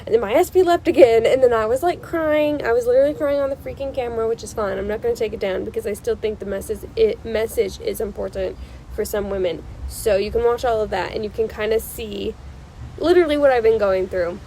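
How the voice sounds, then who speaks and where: Passing cars sound behind a young channel host on an outdoor porch as she offers casual advice with a stuffy nose. Her voice sits on the high side, brisk and dark in tone, and she stays emphatic and reassuring, repeating herself, in poor audio with slight background noise.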